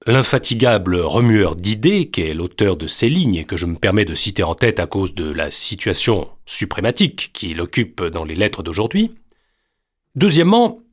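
Low-voiced man reading an ironic tale. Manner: ornate, wryly ironic delivery. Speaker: narrator. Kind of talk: literary story reading.

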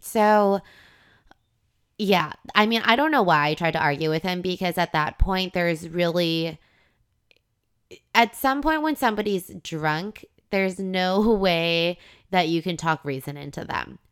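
A woman's voice: lowish voice, measured pace, a bit bright, clear, resonant tone. A young adult woman hosting a podcast, telling a personal dating story in a candid, casual way with some swearing. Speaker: podcast host.

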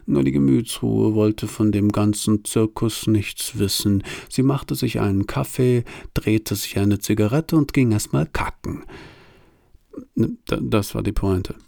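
A man reading a novel aloud in a dry, deadpan storytelling manner. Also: fairly low pitch, measured pace, creaky, no echo. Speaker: narrator. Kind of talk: audiobook reading.

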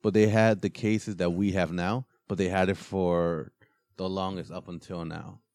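A man's voice: low voice, little pitch movement, moderate pace, darkish tone, dry recording, clean studio sound. A man co-hosting a casual podcast, laid-back, laughing often and trailing off mid-sentence. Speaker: podcast co-host.

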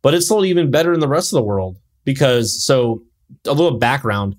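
A man's voice: medium pitch, animated, brisk. Chatty young man, casual podcast talk. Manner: loose and chatty, lots of fillers. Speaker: podcast co-host. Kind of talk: casual chat.

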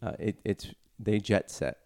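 A man co-hosting a casual talk, speaking haltingly with dry quips. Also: lowish voice, creaky, dark tone. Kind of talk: casual chat.

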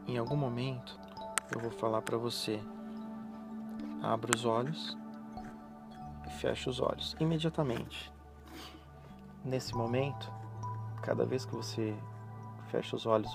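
A man speaks softly at a medium pitch, with noticeable fry in his voice. He guides a hypnotic relaxation in slow, repetitive, soothing phrases, leaving pauses between them. Music plays clearly behind him. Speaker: hypnotherapist guiding a relaxation session. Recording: voice over background music.

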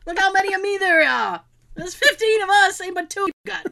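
A woman's voice: very high-pitched, animated, fairly quick, gravelly, bright, forceful tone, voice pushed up, exaggerated voice. A woman voicing a cocky wild turkey that taunts hunters with a swaggering, daring manner. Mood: taunting.

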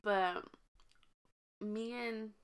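A woman's voice: fairly high pitch, steady tone, extremely slow, clear, resonant tone. A woman guesting on a casual podcast chat, sassy and slangy, laughing as she talks.

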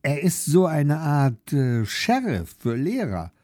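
A man voicing an eager, curious little preschool boy in an audiobook, speaking in excited, breathless chatter. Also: fairly high pitch, slow pace, dry recording, clean studio sound. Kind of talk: audiobook character voice.

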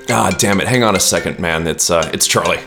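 A man's voice: sits low, brisk, music in the background. A man hosting a casual podcast with profane, bro-like banter. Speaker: podcast host.

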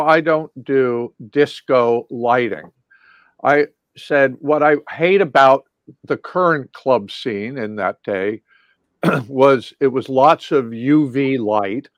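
A man's voice: mid-range voice, dry recording. A male guest lighting designer recalling old projects in a rambling, casual way, full of fillers and restarts. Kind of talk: casual recollection.

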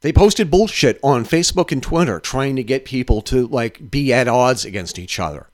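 A man's voice: medium pitch, lively intonation, normal speed, a little mellow. A male podcast host giving casual news commentary in a profane, sarcastic rant.

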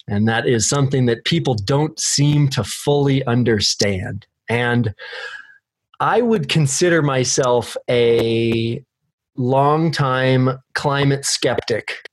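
Male podcast host, relaxed, rambly, mid-pitched, chatting over a video call from home. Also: slow pace, no echo. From Oregon, USA. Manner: laid-back, rambling with fillers. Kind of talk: casual interview chat. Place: bedroom at home.

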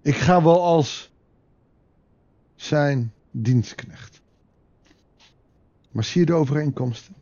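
Reflective man reading a Bible meditation. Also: fairly high pitch. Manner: calm, reflective, pausing, rhetorical questions. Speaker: devotional speaker. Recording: dull lo-fi recording.

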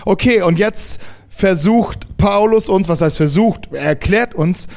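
A man preaching a sermon in a lively, emphatic way, mixing casual slang into his teaching and often restarting his sentences. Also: high voice, measured pace.

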